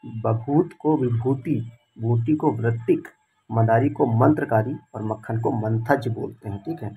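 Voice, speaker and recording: A man teaching for an exam, briskly reading out word pairs with frequent fillers. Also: mid-range voice, breathy edge, phone-quality sound, soft background music. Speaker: Hindi teacher. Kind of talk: exam-prep lesson, reading word lists.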